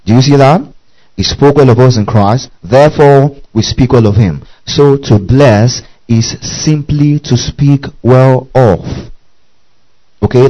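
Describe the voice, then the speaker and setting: A man's voice: medium pitch, mellow. Guy preaching a bible lesson, keeps asking okay? you see that?, kinda dull muffled recording. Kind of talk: bible teaching sermon.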